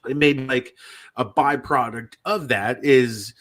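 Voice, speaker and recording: Speaking slowly in a medium pitch with a fairly bright tone, a man who hosts a podcast and writes indie fiction rambles through casual chat. He repeats himself, swears freely and is self-deprecating.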